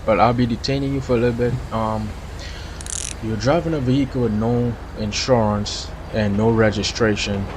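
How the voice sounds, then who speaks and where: Here a man from Trinidad speaks on the low side at a moderate pace, his intonation fairly even, with background noise present. Streaming a police game, he keeps up casual, chatty commentary with his chat and laughs a lot, all in a Trinidadian accent.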